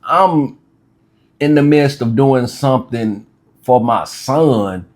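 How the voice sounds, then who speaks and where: A man's voice: medium pitch, slow, darkish tone. A man chatting casually at home with his fiancée, laid-back, often restarting his sentences. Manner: laid-back, repeats and restarts phrases, Southern US dialect. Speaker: co-host of a couple's channel. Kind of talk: casual chat.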